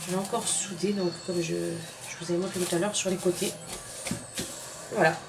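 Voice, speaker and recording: Over a noisy background, a woman with a fairly low, steady, creaky voice speaks at normal speed in a Southern French accent. She's a home cook chatting through a casual recipe demonstration in her kitchen, addressing viewers directly and often repeating words.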